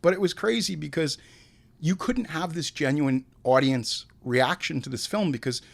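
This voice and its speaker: Slightly high and gravelly, a man's voice moves at normal speed as he hosts a movie review podcast. Crude and profane, his comedic commentary alternates read facts with ranting tangents, and he acts out made-up dialogue theatrically.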